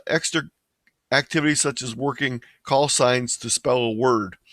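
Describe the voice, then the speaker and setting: Presenting informational slides like a webinar lecturer, a man explains things plainly in a medium-pitched, slightly bright voice. There's very little room echo, so the sound is dry.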